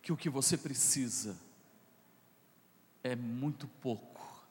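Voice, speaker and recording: Pastor preaching in a reverberant hall. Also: male voice, medium pitch, slow pace. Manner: preaching with big swings between soft asides and loud shouted peaks; playful, jokes with the congregation. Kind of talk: sermon with call-and-response. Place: church hall.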